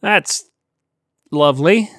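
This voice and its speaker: A man voicing a wry, commanding male ship captain who talks briskly and sardonically. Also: a little high, a bit bright, dry recording, studio quality, voice pushed up, exaggerated voice. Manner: brisk, sardonic, giving orders.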